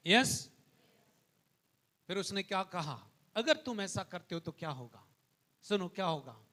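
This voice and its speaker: A man with an Indian accent preaching a sermon to his church, dropping to hushed asides and then rising to loud calls, repeating phrases to the congregation. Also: high voice, very animated, measured pace. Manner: swings between hushed asides and loud exhortations. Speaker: pastor. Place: church hall.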